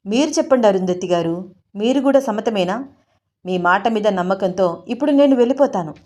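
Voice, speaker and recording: A woman storyteller voicing a blunt, meddling older woman who speaks loudly with grief and accusation. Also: medium pitch, animated, brisk, lightly acted. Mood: aggrieved. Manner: accusing, loud and tearful.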